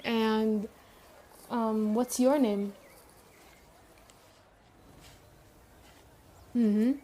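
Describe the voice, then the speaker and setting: Her tone steady, a woman with a slightly high, very mellow, soft-edged voice acts as the stern yet caring leader of a post-apocalyptic survivor camp. She speaks to the listener directly in brisk, matter-of-fact ASMR roleplay, sounding apologetic as she softens.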